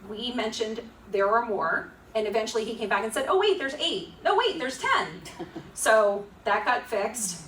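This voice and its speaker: A woman from Florida, with a Florida accent, gives an informal, explanatory presentation at a community meeting. Her mid-range voice is fairly bright, and her manner is conversational and wryly critical; the distant mic picks up an echoey room and faint noise.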